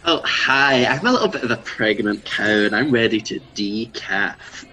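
A man raised in Scotland, joking his way through an improvised podcast interview. His tone is bright and forward. He hedges with playful, self-mocking asides. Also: medium pitch, animated, normal speed, poor audio. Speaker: podcast guest. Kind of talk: improvised comedic interview chat.

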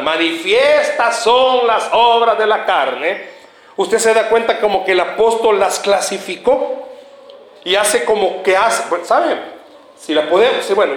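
A man's voice: sits high, fairly bright tone, a little hiss or hum. A man preaching a sermon to a congregation in a church, joking and firing questions at the listeners. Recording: roomy church hall with faint ambience.

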